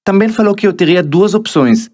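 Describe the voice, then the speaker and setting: A man's voice: sits high, expressive, normal speed, darkish tone. Israeli man narrating his motivational audiobook. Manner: motivational, addresses the listener directly. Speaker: author narrating his own book.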